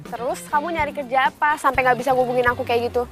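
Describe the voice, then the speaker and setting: A woman's voice: high voice, steady tone, quick pace, over music, lightly acted. A young actress playing a clingy girlfriend who complains in a reproachful tone. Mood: whiny. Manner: whiny, reproachful.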